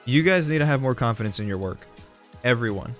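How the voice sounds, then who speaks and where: This streamer, a young man, keeps up a rambling, laugh-filled, freely profane chat with his viewers and reads their comments aloud. He sounds animated and brisk, with a mid-range, slightly bright voice over faint music.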